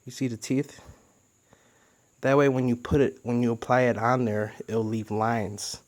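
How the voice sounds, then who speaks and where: Relaxed man explaining a DIY project. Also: medium pitch, a little slow, no room sound. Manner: relaxed, chatty, step-by-step explaining with fillers. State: a little out of breath. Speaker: DIY boat builder. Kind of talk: casual how-to narration.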